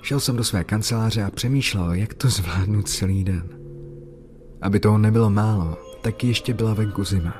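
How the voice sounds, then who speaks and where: A man with a fairly low voice telling a horror story in a steady, scripted way. He occasionally gets louder for the characters' lines. Faint music plays underneath. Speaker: narrator.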